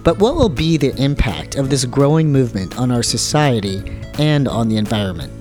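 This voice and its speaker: A man co-hosting a podcast, reading a scripted opening in a measured, reflective way. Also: medium pitch, animated, darkish tone, soft background music. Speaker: podcast co-host. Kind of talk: scripted narration.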